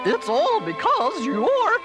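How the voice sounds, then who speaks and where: A woman's voice: extremely high pitch, wildly swooping pitch, takes it slowly, full character voice. A woman voicing an affectionate, gushing female cartoon cow in a storybook read-along. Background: music.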